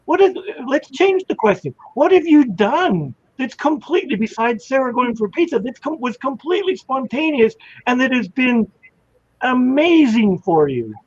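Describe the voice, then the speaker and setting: Lively, breathy woman host. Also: high voice, normal speed, no room sound, lo-fi sound. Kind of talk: podcast conversation.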